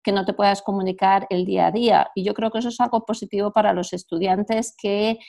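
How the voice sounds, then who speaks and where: A woman's voice: mid-range voice, steady tone, fairly quick, gravelly, dark tone. A woman from Spain hosting a radio interview, a teacher herself, speaking thoughtfully with many hesitations.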